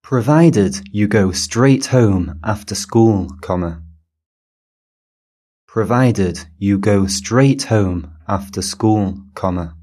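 Very slow, deliberate male dictation reader. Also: on the low side, mellow. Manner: repeats each phrase slowly, speaking punctuation aloud. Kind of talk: slow dictation read aloud.

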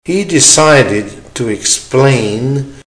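A man reading a dictation exercise as a teacher, in short, measured, deliberate phrases with punctuation spoken aloud. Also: medium pitch, animated. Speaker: language teacher giving dictation.

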